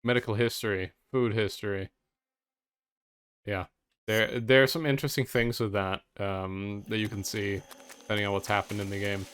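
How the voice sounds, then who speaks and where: Low-voiced casual male gamer. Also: steady tone, moderate pace, a bit bright, clean tone, no echo. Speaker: let's player. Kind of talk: casual game commentary.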